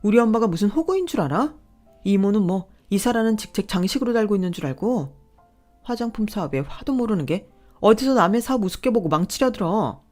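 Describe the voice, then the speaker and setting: A woman voicing an angry wife who yells and hurls insults at her husband. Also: medium pitch, big pitch swings, normal speed, soft background music, pitched above the performer's own voice. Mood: scornful. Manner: yelling, scolding, sharp insults. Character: furious wife, adult woman, fed up.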